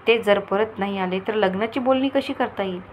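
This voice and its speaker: A woman's voice: mid-range voice, fairly quick, dull audio, a little hiss or hum, close to an everyday voice. A woman voicing a middle-aged mother who scolds and coaxes her daughter fondly. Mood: coaxing. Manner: scolding then coaxing. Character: middle-aged mother, fussy but affectionate.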